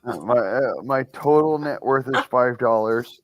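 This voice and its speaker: A man's voice: medium pitch, unhurried, dry recording, low-quality recording. A man with an Arkansas accent chatting casually, insistent and repeating himself for emphasis. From United States, Arkansas. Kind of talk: casual chat.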